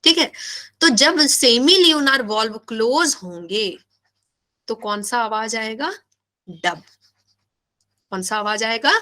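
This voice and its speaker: A woman's voice: a little high, unhurried, bright, forceful tone. A woman teaching a biology class in Hindi-English, asking questions and repeating key terms. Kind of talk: live online class lecture.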